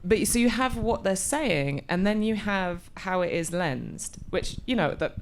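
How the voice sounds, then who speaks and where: A woman's voice: medium pitch, animated, measured pace, a little hiss or hum. A woman in her forties being interviewed about her acting work, thoughtful and often restarting as she searches for words. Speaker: actor, interview guest. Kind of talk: conversational interview.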